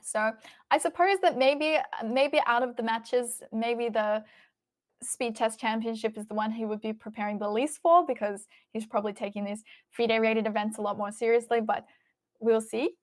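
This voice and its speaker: Casting: female livestream host, Australian accent, slightly high voice, informal off-the-cuff chat. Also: normal speed. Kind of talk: casual livestream chat, reading and answering viewer messages.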